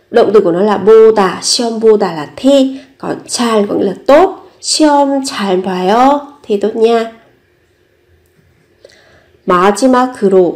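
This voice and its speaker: Her voice is medium in pitch and dark in tone as she teaches a language lesson. A native Vietnamese speaker, she patiently repeats every phrase and explains it in careful stages.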